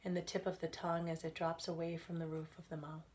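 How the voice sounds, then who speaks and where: Speaking in a low, level tone, this meditation instructor leads a guided relaxation. Her phrases are unhurried and soothing, gentle in manner and broken up by pauses.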